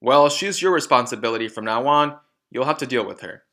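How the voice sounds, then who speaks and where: Man acting a loud, curt, rude father. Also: medium pitch, brisk. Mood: irritated, dismissive. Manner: brusque, loud, dismissive. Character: gruff, curt, rude car-dealer father, middle-aged man.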